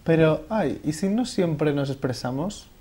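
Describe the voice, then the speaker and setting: A man's voice: a little high, expressive, a little slow, warm tone, breathy edge. A man from hosting a conversational interview, informally musing and rephrasing what his guest says. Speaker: interviewer, show host.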